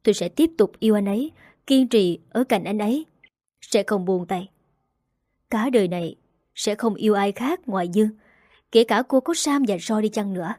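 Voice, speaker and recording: A woman's voice: mid-range voice, lively intonation, normal speed, darkish tone, no echo, studio quality, natural voice. A woman voicing a jealous, determined young female rival in a storybook reading, speaking firmly and coldly. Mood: defiant.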